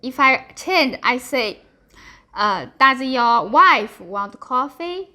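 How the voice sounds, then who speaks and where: Bright, high-pitched woman teaching Chinese, Chinese accent. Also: expressive, slow. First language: Mandarin Chinese. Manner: simple clipped English, short phrases with frequent check questions. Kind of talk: live beginner language lesson, explaining with examples.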